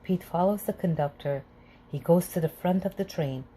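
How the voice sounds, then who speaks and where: A woman reading a children's picture book aloud in a slow, clear, gentle way. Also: lowish voice, a little hiss or hum, poor audio. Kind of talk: read-aloud storytelling.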